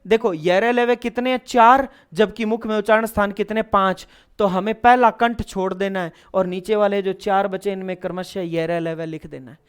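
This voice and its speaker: A male teacher with a smooth, clear voice leads an online class. He poses questions and answers them himself, then chants syllables one after another in an even rhythm. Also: sits high, moderate pace. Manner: explains step by step, asking and then answering his own questions. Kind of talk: online lesson.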